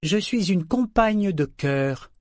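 A man's voice: high voice, animated, slow pace, no room sound, studio quality, pitched above the performer's own voice. A man voicing a proud, defiant woman counselor who speaks ceremoniously and coldly. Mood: reciting. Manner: ceremonious, cold, reciting formally.

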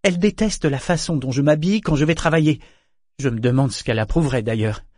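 A man voicing a strong-willed, quick-tempered young woman in an audiobook, speaking in a sharp, indignant way. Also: on the high side, no echo, studio quality, voice pushed up, close to an everyday voice. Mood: irritated. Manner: sharp, raised, indignant delivery. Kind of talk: audiobook character voice.

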